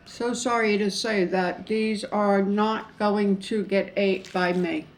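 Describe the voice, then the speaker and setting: A middle-aged woman chatting casually to viewers on an eating show, chewing while talking, in a halting way with pauses. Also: mid-range voice, fairly even intonation, a little hiss or hum, low-quality recording. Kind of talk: casual mukbang chat to viewers.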